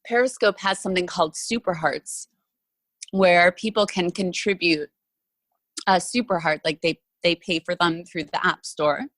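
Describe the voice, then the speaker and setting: A woman speaks as a podcast guest in an easy, open, chatty way, often stopping for fillers. Her voice sits on the low side for a woman. The recording is dry and close, with no room sound. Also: normal speed, a bit bright, no room sound. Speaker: podcast guest, actress and former TV reporter. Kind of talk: casual interview conversation.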